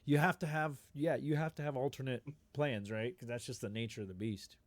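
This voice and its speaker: A man's voice: medium pitch, fairly quick, no echo. Dry-sounding man in casual sports chat. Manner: relaxed, rambling with frequent ums. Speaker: podcast co-host.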